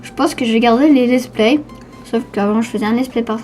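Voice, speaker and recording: A teenage girl with a slushy lisp on her s sounds, talking casually and haltingly as she answers questions in a vlog. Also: on the high side, a little mellow, soft background music. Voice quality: slushy lisp from new dental brace. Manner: hesitant, stumbling over words. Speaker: YouTube gamer answering viewer questions.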